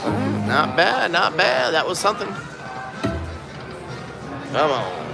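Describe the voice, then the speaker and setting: A man of fifty with a slightly high, lively voice streams casually from a casino floor. He talks to his viewers and the machine in short exclamations, with loud music behind him. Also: takes it slowly, creaky, a crowd in the background. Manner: exclamatory, talking to chat and machine. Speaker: casino slot live streamer. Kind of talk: casual live-stream gambling commentary.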